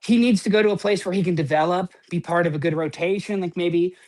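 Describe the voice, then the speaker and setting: A man's voice: high-pitched, fast talker, darkish tone. Guy co-hosting a podcast, rambly and loose, lots of um and like, drops a few swears. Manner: rambling, heavy on "um" and "like", casual swearing. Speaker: podcast co-host. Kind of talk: casual sports chat.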